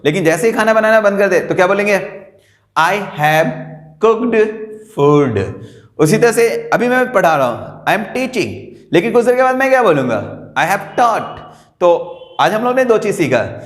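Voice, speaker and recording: A man teaching an English grammar lesson in a classroom, animated, quizzing his students and having them call out the answers. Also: high-pitched. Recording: echoey classroom, long reverb.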